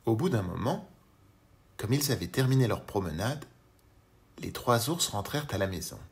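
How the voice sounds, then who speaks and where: A man narrating a children's audiobook in an expressive storytelling manner. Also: on the low side, moderate pace, vocal fry, slight background noise.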